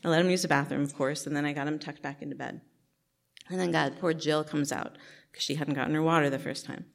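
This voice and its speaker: A woman recounting a personal story in a reflective, hesitant way, with many pauses and restarts. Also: low-pitched, steady tone, gravelly. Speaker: storyteller recounting her childhood.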